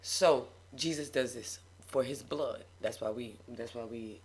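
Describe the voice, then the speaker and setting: Woman, casual faith chat, preachy emphasis, animated delivery. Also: a bass voice, a little slow, slight background noise.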